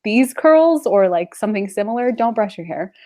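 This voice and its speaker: A woman in her twenties co-hosting a casual chat, relaxed and full of fillers, on a video call. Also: medium pitch, normal speed. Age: 20s. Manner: relaxed, filler-heavy with lots of "like". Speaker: co-host of a book liveshow.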